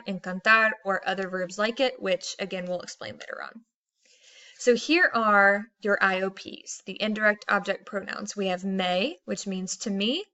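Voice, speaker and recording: A woman's voice: mid-range voice, sharp tone, muffled recording. A woman teacher explaining grammar patiently in a recorded lesson, reading out Spanish examples.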